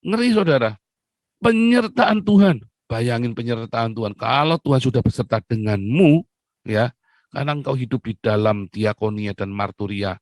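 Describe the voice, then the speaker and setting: A man's voice: on the low side, normal speed, a little mellow, no echo. A man from Indonesia preaching a sermon with personal testimony, exclaiming often and addressing his listeners as brothers and sisters.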